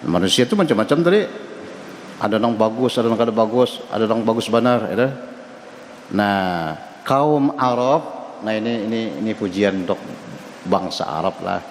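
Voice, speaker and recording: A man with a Banjar accent gives an informal mosque lesson, asking his listeners questions and chuckling as he goes. His mid-pitched voice carries through a roomy hall with a long reverb tail. Faint noise sits under the recording. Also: normal speed, pauses often. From South Kalimantan, Indonesia. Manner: conversational, asks the audience questions and chuckles. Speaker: religious teacher. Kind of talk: mosque study-circle lecture.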